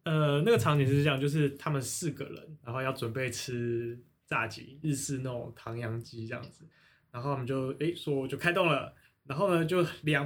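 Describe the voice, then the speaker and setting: A man co-hosting a casual podcast, retelling scenes in an animated storytelling way. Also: mid-range voice. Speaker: podcast co-host.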